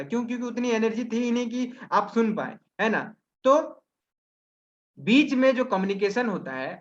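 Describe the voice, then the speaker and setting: Male webinar trainer, high-pitched, explaining step by step, rhetorical Q&A style, muffled call audio. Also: fairly bright tone. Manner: asks himself questions and answers them, with frequent "है ना?" tags. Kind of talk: explanatory teaching talk. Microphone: video call.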